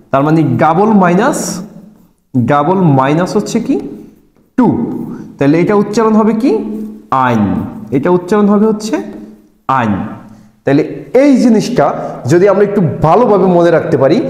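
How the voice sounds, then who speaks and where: A man's voice: high voice, a little mellow. A man teaching chemistry in a classroom lecture, repeating key points and asking and answering his own questions. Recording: echoey room with long reverb.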